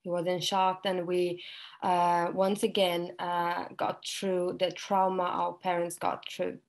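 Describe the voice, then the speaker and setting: A young woman speaking at an online panel, hoarse from a cold, with many fillers and restarts. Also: fairly low pitch, completely flat delivery, slow, low-quality recording. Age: young adult. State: hoarse from illness.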